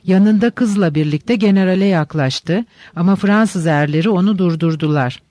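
A man narrates a novel in a measured, descriptive reading. His voice sits fairly high and the sound is dry and close, with no room echo. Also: darkish tone. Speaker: audiobook narrator. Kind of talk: scripted literary narration.

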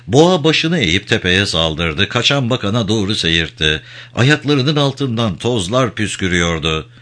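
A man reading a novel aloud as audiobook narration, with expressive delivery. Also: on the low side. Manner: expressive reading with dramatic quotes. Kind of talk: scripted storybook narration.

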